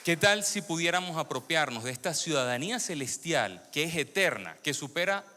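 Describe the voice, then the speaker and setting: A man's voice: a little high, lively intonation, normal speed, pushed and bright, some chatter behind, slight background noise. A man born in Venezuela giving a sermon testimony to a congregation, questioning the audience and repeating phrases for emphasis. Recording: long hall reverb.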